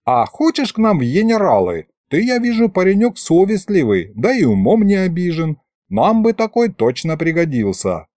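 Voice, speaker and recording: A man's voice: high-pitched, huge pitch swings, normal speed, hardly any pauses, darkish tone, dry recording, pitched above the performer's own voice. A man voicing a fussy, bossy old grandfather who talks in rustic folksy speech. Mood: sly coaxing.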